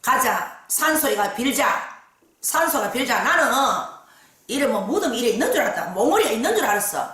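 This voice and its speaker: A woman fortune teller with a Gyeongsang accent telling the story of a client in lively dialect, with many fillers. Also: a little high, a little fast, recorded from a distance. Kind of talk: storytelling case account. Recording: very echoey room.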